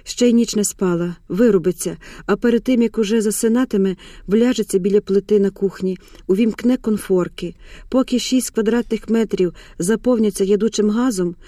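A woman reads a dramatic audiobook in a hushed, measured way. Her voice is mellow and warm. The close-miked sound is completely dry. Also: medium pitch, dry recording. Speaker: audiobook narrator.

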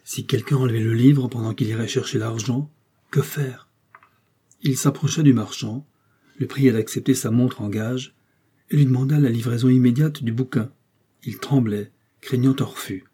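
A man reading a classic short story aloud in a measured, expressive way. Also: mid-range voice, breathy edge. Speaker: audiobook reader.

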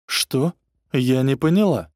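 A spiteful, scheming young woman with a breathy, sneering delivery, as a male narrator puts her on. She is pitched well above his own low voice. The reading is close and dry, with no room around it. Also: takes it slowly, a little mellow, no room sound, natural voice. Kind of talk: audiobook character voice.

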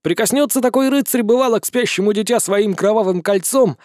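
A man voicing an excitable male demon servant who talks eagerly and fawns on his master. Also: high-pitched, fairly quick, no echo, studio quality, voice pushed up, close to an everyday voice. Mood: excited. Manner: eager, storytelling, fawning.

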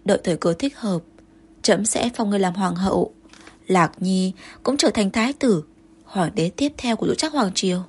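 A woman voicing a possessive, jealous male emperor who turns between commanding and coaxing, with a breathy voice. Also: medium pitch, moderate pace, close to an everyday voice.

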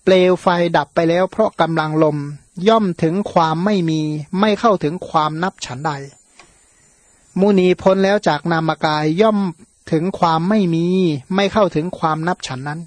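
A Buddhist monk from Thailand, a native Khmer speaker, giving a Dharma sermon with a patient, explanatory manner and frequent fillers. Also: male voice, high voice, moderate pace, no echo. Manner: explanatory, repeats words to stress them, frequent fillers.

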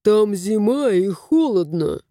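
A woman's voice: mid-range voice, lively intonation, dark tone, dry recording, studio quality. A woman voicing a plump, touchy male house cat who whines and sulks in an audiobook. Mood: sulky. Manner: whining, drawn-out complaints. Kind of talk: audiobook character voice.

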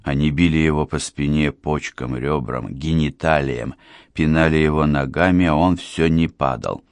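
A man narrating an audiobook in a measured, grave storytelling manner. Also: a bass voice, clear, resonant tone, dry recording.

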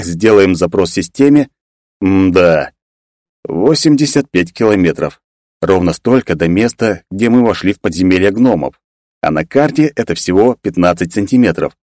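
A man narrating a first-person fiction audiobook, musing aloud and breaking into excited exclamations. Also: low-pitched, dry recording, clean studio sound.

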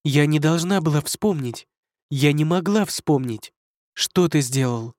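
Man reading as a young fox spirit girl, higher voice, anxious pleading, storybook, dry sound. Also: expressive, a little slow, a little mellow, no room sound. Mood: panicked. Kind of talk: audiobook reading.

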